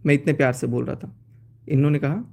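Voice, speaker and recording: A man's voice: medium pitch, steady tone, fast talker, gravelly, darkish tone. A man on a phone live stream, reading out chat messages and telling his side with a sense of grievance. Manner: aggrieved, reads out chat messages. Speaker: YouTuber showing chats on a live stream.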